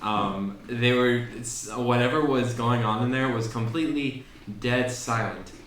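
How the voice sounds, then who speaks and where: Young man, bright-voiced college podcaster, rambling and cursing, mic a little far off. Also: medium pitch, unhurried, very echoey, slight background noise. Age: young adult. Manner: rambling, heavy swearing. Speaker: podcast co-host. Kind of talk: casual chat. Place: dorm room.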